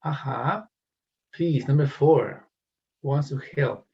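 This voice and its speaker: A man's voice: medium pitch, slow pace, a little mellow, slightly rough, highs cut off. A man teaching an English class, encouraging students and calling on them by name.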